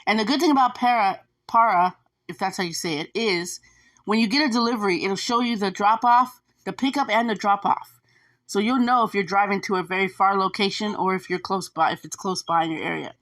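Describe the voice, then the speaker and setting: A woman's voice: medium pitch, fairly quick, fairly bright tone. A woman who drives for food delivery, talking casually to viewers, chatty and repetitive, with lots of fillers. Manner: chatty, repeats herself, frequent fillers. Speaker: gig delivery driver vlogger. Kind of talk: casual advice vlog to viewers.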